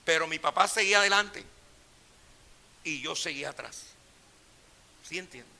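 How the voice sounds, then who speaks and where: A middle-aged male pastor preaching a sermon, telling personal stories in a hushed voice and rising to loud, emphatic preaching. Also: on the high side, moderate pace, creaky.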